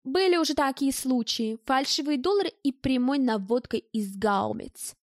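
A woman's voice: sits high, normal speed, no echo, studio quality, voice pushed up, lightly acted. A woman putting on a biting, scornful dame. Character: sharp-tongued, sardonic woman, caustic and menacing. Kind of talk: audiobook reading.

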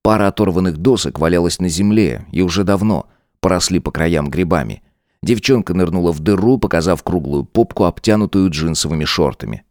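A man narrating an audiobook in a dramatic, expressive reading. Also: sits low, brisk, dry recording, studio quality. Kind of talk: scripted narration.

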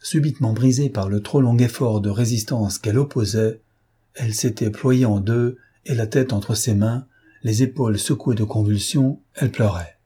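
A man narrating a novel as an audiobook in a measured, expressive way. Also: medium pitch, breathy edge. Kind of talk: novel reading.

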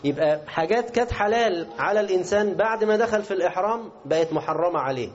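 A man's voice: high voice, animated, quick pace, a little hiss or hum. A man with an Egyptian Arabic accent teaching a religious lesson, asking his class questions as he explains. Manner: interactive, asks the class questions. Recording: dull lo-fi recording.

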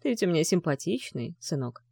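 A woman's voice: low voice, very animated, a little fast, gravelly, dark tone, husky, dry recording, heavily acted. A woman reading an audiobook, voicing a menacing, mocking rich father who growls harsh orders at his son. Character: menacing, scornful rich older father, a man.

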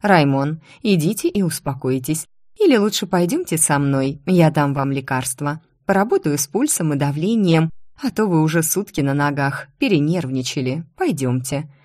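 A woman's voice: deep voice, lively intonation, normal speed, a little mellow, no room sound, studio quality. A woman voicing a firm, commanding female head healer in an audiobook.

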